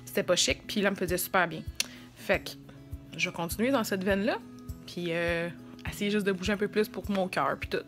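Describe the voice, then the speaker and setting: A woman's voice: medium pitch, a little fast, a bit bright, faint music behind. A woman in her thirties with a Quebec French accent, chatting casually and informally to her vlog viewers in a self-deprecating way. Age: 30s. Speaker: vlogger. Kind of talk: casual vlog chat to camera.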